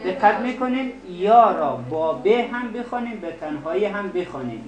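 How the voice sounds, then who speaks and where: A man teaching an Arabic recitation class, speaking slowly and deliberately and repeating words to correct pronunciation. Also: high-pitched, big pitch swings, a crowd in the background. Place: seminary classroom. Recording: roomy classroom echo.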